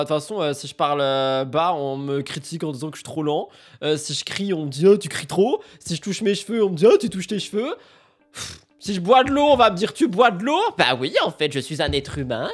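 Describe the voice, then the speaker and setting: A young man hosting a casual live stream, reacting to celebrity news and reading out chat messages, with a chatty, jumpy delivery. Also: high voice. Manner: chatty, jumps between loud outbursts and mumbled asides.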